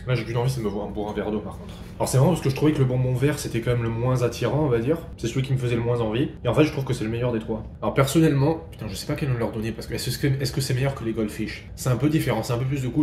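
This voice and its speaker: Racing along with few pauses, a French snack-review vlogger chats casually while eating, cursing offhandedly and musing aloud. His voice is medium-pitched and dark, and the recording has slight hiss or hum, roomy echo and faint ambient sound.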